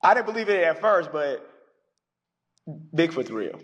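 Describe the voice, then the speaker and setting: A man who is a science teacher, chatting on a podcast as a guest and telling stories with animated energy. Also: on the high side, unhurried, big-room sound. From United States. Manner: animated storyteller, acts out callers in quotes. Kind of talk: casual podcast chat.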